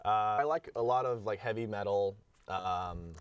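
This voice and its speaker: Low-voiced chatty young man. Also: normal speed, no echo, distant mic. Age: young adult. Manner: chatty, laughing, rambling with restarts. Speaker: guest. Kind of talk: casual interview.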